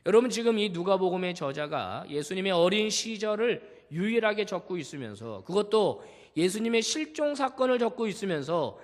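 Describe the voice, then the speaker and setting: A man's voice: high voice, sing-song, normal speed, few pauses. A male pastor giving a Sunday sermon, preaching with animation and acting out the voices he quotes. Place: church sanctuary. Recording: reverberant church hall.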